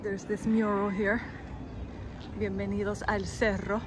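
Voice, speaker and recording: This young woman, a travel vlogger, speaks in a mid-range voice with a flat delivery and measured pace, yet her casual walking-tour narration stays upbeat, chatty and playful. She records outdoors on town streets and stairs with a handheld phone on a selfie stick, and heavy wind and street noise come through.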